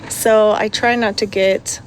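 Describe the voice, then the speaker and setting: A woman's voice: mid-range voice, steady tone, slow, a little hiss or hum. A woman in her thirties, a mother chatting casually to her vlog audience, laughing often and dropping sarcastic asides. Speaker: vlogger and mother. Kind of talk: casual chat.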